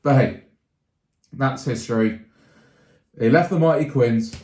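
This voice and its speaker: A man's voice: mid-range voice, unhurried, darkish tone. A young man chatting casually about sports, rambling with restarts and asides. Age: young adult. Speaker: sports vlogger. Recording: roomy echo.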